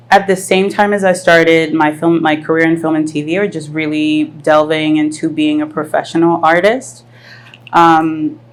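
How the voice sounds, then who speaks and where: This is a live podcast, hosted by a thoughtful Frenchwoman in her thirties speaking to an audience in the venue. She talks in a low register, working through ideas slowly with many filler words.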